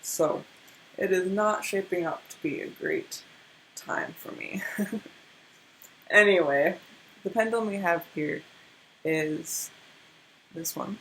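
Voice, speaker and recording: A young woman with a slight stutter talks through a tarot card reading in a casual, rambling way. Her voice sits a bit low and sounds tired from lack of sleep. There is a faint hiss behind her. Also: slow, long pauses, a bit bright, rough recording. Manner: stutters, with many restarts. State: tired from little sleep, yawning. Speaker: tarot reader.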